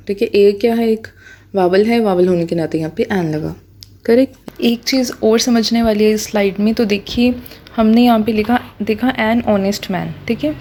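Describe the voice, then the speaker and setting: A woman's voice: mid-range voice, dark tone. A woman teaching English grammar in a patient, explanatory way, repeating key points and checking in with her listeners often. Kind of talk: explanatory lesson.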